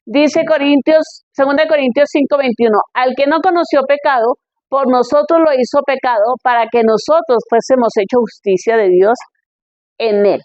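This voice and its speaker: Woman preaching, high voice, reads bible verses, keeps asking "ok?", dull dry recording. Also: normal speed, a little mellow, no room sound. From Colombia.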